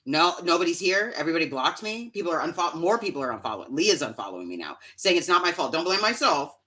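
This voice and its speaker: A podcast host ranting angrily and profanely on a live stream, swinging between muttered asides and shouting. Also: female voice, lowish voice, very animated, fast talker. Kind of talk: angry live-stream rant.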